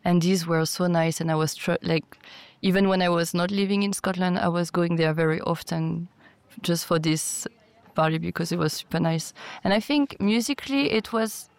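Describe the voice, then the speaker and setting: A woman, an electronic music producer answering interview questions in a thoughtful, hesitant way with many pauses. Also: on the low side, a little mellow, dry recording. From France.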